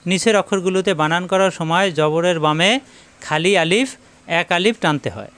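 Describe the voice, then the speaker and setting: A man's voice: high-pitched, a little fast, fairly bright tone, clean tone. A man giving a Quran reading lesson for beginners, spelling out Arabic letters one by one and repeating each drill.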